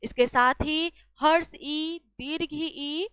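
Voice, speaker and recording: Female teacher, high voice, dry close sound, walks students through exam answers with question-and-answer drilling. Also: takes it slowly, fairly bright tone, no room sound. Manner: asks a question then answers it herself. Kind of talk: exam-solution lesson.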